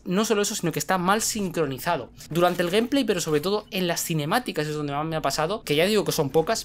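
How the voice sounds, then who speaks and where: A man with a Spain Spanish accent reviewing a video game in a casual, animated way, repeating words for emphasis. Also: high voice, a little hiss or hum.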